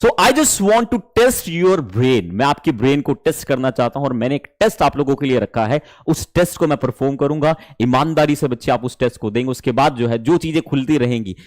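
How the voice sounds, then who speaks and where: A man teaching an online class, lively and animated, mixing Hindi and English. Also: medium pitch, a little fast, few pauses.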